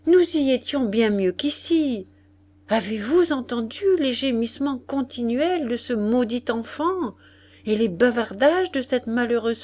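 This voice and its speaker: A woman's voice: fairly high pitch, darkish tone, voice pushed up. A woman reading aloud, voicing a spoiled, capricious young noblewoman who complains in a raised voice.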